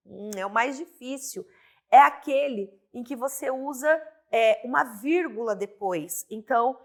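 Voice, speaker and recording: Woman teaching grammar, lively pitch. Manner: explains step by step, checks in with "tá?" and "certo?". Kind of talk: recorded online grammar lesson.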